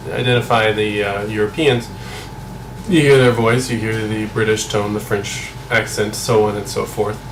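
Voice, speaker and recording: A man's voice: on the low side, distant mic. American man, casual vlog, musing tone, echoey room, air conditioner hum. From United States. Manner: musing, conversational, asks himself questions. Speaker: vlogger. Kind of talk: casual vlog monologue to camera.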